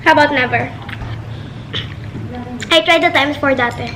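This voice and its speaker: A young woman with a high voice and a Filipino accent banters playfully as she vlogs a food challenge. Loud clinking dishes and room noise surround her casual chatter. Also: normal speed, echoey room. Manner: playful, teasing banter with sibling. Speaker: vlogger.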